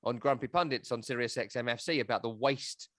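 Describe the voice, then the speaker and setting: A man hosting a football podcast, talking in an animated, joking and scathing way. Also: medium pitch, a little fast, no room sound, clean studio sound. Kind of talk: casual football chat.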